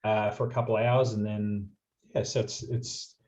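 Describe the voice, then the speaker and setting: A young Australian radio presenter with a lowish, level voice shares travel stories quickly and chattily in a casual storytelling interview. The recording is muffled and lo-fi, with noise in the background.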